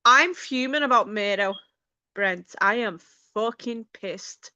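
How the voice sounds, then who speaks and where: Speaking slowly in a medium-pitched, sharp, clean voice, a woman from Liverpool, England, hosts a casual livestream, addressing viewers by name in a sweary, informal way. The recording is dry, with the highs cut off.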